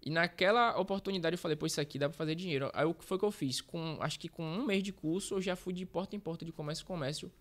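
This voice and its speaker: Talking quickly with few pauses, a man in his thirties from Bahia uses a fairly bright voice on the high side. He is a street reporter and interview guest casually narrating his life, rambling, self-correcting, and leaning on slang fillers.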